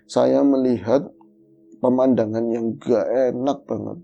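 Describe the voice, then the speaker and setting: A man telling a true horror story in casual chat, animated as he acts out his own calls and growls. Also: medium pitch, unhurried, gravelly, muffled recording. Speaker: guest storyteller.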